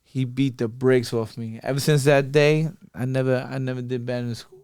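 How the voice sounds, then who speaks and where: New guy on a podcast telling old stories, doing his dad's voice, all animated. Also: medium pitch, normal speed, clear, resonant tone. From Brooklyn, New York. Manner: animated, acts out his father's voice. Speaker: podcast guest. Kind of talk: casual storytelling.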